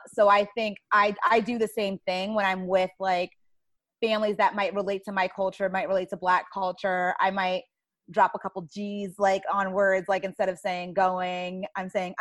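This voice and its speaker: A woman's voice: medium pitch, a bit bright, no echo. A woman with a mid-range voice talks in a conversational discussion, recorded close and dry with very little room sound. She explains things informally and thoughtfully, as a guest professional would. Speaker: child life specialist, guest.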